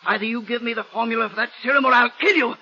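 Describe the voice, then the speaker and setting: An actor playing an agitated, guilt-ridden doctor who speaks haltingly and repeats himself in old AM radio drama. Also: male voice, extremely high pitch. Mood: desperate threat. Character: frantic, guilt-ridden male doctor, haunted accomplice. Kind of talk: 1940s radio drama acting. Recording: dull, noisy vintage AM radio recording.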